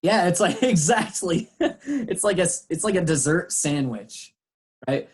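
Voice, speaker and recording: English teacher, male, slightly husky, patient explainer on a video call. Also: high voice, sing-song, measured pace. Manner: patient, explains words with examples. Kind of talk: online English lesson.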